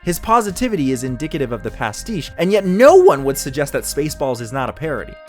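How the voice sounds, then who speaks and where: A man's voice: on the high side, big pitch swings, fast, faint music behind. A man giving scripted narration for a video essay in an analytical tone, with dry jokes tossed in. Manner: dry jokey asides in an analytical tone.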